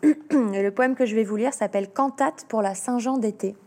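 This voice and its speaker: A woman, an author and illustrator, talking in an interview, animated and hesitant, often restarting her sentences. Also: fairly high pitch, normal speed. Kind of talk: interview talk.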